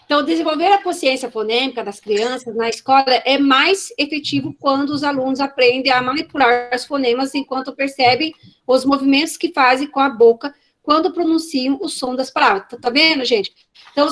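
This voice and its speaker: A woman teacher leading a casual online class, enthusiastic and slowly sounding out syllables over a video call. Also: high-pitched, fairly bright tone.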